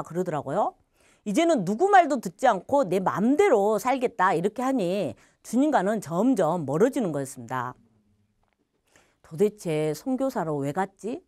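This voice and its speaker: A middle-aged woman, a former missionary, giving a personal faith testimony in an animated storytelling manner, often laughing and acting out what people said. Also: fairly high pitch, dry recording, clean studio sound.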